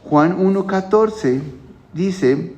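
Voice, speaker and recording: Slow, high-voiced man teaching the Bible. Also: darkish tone. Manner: slow, explains step by step, often asks the listeners "¿cierto?". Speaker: pastor. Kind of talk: home church Bible teaching.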